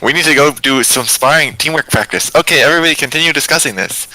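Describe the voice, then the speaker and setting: A man's voice: on the high side, fast talker, sharp tone, no room sound, poor audio. A man role-playing in a tabletop game, playful and eager, often laughing. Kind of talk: in-character role-play discussion.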